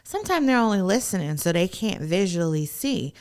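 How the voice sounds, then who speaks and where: A woman's voice: lowish voice, big pitch swings, brisk, a little mellow, smooth. A woman hosting a podcast interview, drawing out her guest with encouraging, affirming remarks. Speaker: podcast host.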